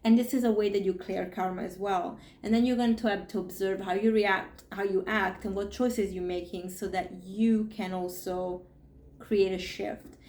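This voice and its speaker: A woman's voice: medium pitch, steady tone, moderate pace, darkish tone. A woman in her forties speaks as a podcast host and spiritual coach in a casual, heartfelt way. She talks with animation and emotion, often voicing her own inner thoughts aloud. Her voice sits in a middle register and rings in a reverberant room. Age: 40s.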